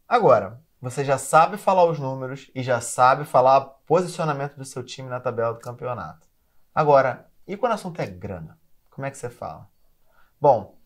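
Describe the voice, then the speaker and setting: A man with a Brazilian accent teaching an online English lesson, carefully drilling each English word between explanations. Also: mid-range voice.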